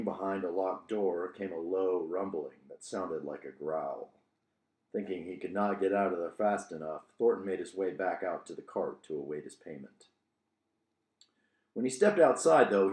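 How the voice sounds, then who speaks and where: In a roomy, echoing space, a man with a low, slightly mellow voice reads aloud from his own novel as host and author. He mixes the audiobook narration with casual remarks about the book.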